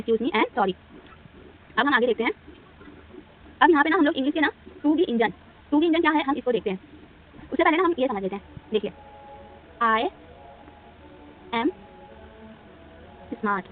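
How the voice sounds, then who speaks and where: A woman teacher with an Indian accent, explaining a lesson at a board, asking questions and answering them herself. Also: high voice. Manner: asks and answers her own questions, repeats words. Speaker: English teacher. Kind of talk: whiteboard lesson. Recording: tinny lo-fi phone-like recording with faint hiss.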